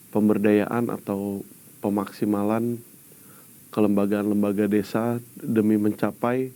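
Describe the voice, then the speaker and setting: A man in his twenties giving measured, hesitant interview answers about his NGO work. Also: lowish voice, dark tone, low-quality recording. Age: 20s. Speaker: NGO worker.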